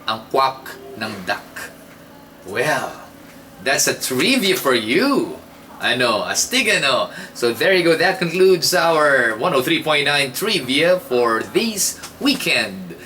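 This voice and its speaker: Lively Filipino radio DJ, man. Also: mid-range voice, slow. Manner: playful, animated, mixes English into Tagalog. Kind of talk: casual radio trivia segment. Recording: slightly distant mic, faint hiss.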